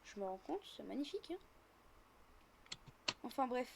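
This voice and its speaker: Chatting away as she games, this woman improvises a roleplay and describes each move as she makes it, as the host of roleplay gaming videos. She speaks at a normal speed in a high, sing-song voice with vocal fry. There is some background noise.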